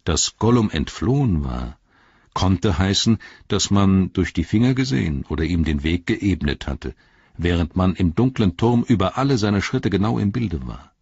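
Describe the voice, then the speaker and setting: A man narrating an audiobook in measured storytelling. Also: low voice, a little mellow, slightly rough, no room sound, muffled recording. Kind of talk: scripted narration.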